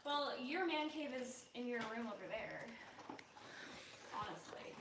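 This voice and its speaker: A woman's voice: fairly high pitch, lively intonation, unhurried, distant mic. Young woman, giggly, casual chat, cave-like echo of an empty apartment, off-mic, noisy. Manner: giggly, laughs often between remarks. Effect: echo of a bare, empty apartment, like a cave. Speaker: vlogger's live-in partner. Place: empty unfurnished apartment, indoors.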